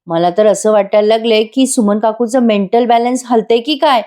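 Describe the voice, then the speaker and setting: A woman's voice: a little high, moderate pace, warm tone, lightly acted. A woman voicing an earnest, protective young husband from a TV serial.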